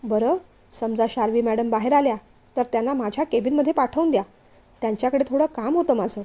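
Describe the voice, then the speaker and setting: A woman voicing a polite, gentle young man who is a company director, in a storybook reading. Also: fairly high pitch, fast talker, lightly acted.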